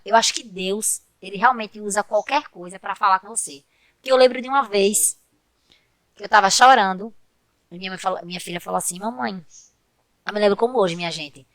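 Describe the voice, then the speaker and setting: Bright-voiced woman sharing heartfelt stories. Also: mid-range voice, no echo. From Pernambuco, Brazil. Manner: heartfelt, personal storytelling, often addresses listeners directly. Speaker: podcast guest. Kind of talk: casual interview chat.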